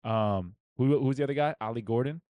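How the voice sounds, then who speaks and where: A man's voice: medium pitch, a little fast, warm tone, dry recording. A man co-hosting a casual sports and pop culture podcast, rambling with restarts and slang. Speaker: podcast co-host.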